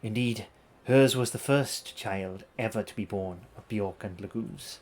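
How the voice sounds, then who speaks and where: Low-voiced man reading game lore. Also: unhurried, a little mellow. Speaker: streamer. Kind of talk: reading game dialogue aloud.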